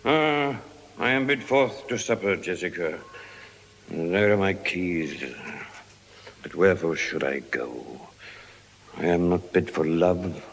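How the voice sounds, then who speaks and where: Slow, low-voiced old Shylock. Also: male voice, animated, slight background noise, heavily acted. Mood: grudging, bitter. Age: older. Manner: declamatory, deliberate, grumbling. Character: suspicious, miserly old moneylender and stern father. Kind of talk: classical Shakespearean stage acting. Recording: long reverberant hall studio drama.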